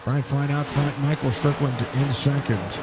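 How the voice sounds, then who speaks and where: This sim racing commentator chats casually and live, speaking straight to viewers and drivers with a mid-range voice, steady tone and normal speed. Loud music plays along with clear race car engine noise, and his mouth hardly opens because of facial surgery.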